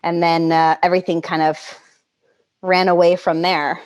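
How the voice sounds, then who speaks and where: Relaxed woman guest, hesitant and casual. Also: on the low side, moderate pace. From Connecticut, United States. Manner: relaxed, hesitant, many fillers. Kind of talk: casual interview answers.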